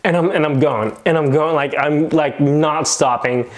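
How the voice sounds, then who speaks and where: Animated man telling a story. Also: on the high side, unhurried. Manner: animated retelling, heavy use of "like". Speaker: nurse. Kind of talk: casual storytelling.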